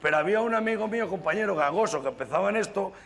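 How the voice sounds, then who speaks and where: A man's voice: high-pitched, racing. A man telling jokes on stage as a stand-up comedian, acting out the characters in his stories. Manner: lively storytelling, acting out characters. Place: TV studio stage with audience. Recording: hall echo, audience laughter.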